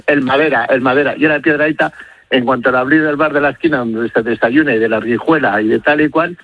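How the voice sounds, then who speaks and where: Heard over narrow, tinny audio with no echo, this middle-aged Castilian-accented man from Spain speaks at a medium pitch, keeping a steady tone and a quick pace. He's a radio travel and food contributor whose enthusiastic, conversational talk rambles and repeats words to stress them.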